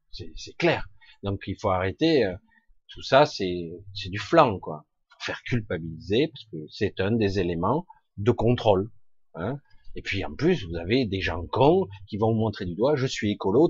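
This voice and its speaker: A man with a husky, raspy voice speaks informally and emphatically to an audience, using rhetorical questions and coarse slang in an opinionated monologue. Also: fairly low pitch, no room sound. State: throat scratchy with occasional coughing. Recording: dull, lo-fi close recording.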